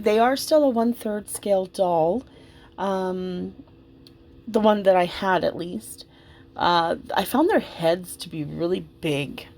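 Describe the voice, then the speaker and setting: A doll hobbyist vlogger chats casually while dressing a doll, her commentary informal, rambling and effusive. She has a medium-pitched, slightly mellow voice.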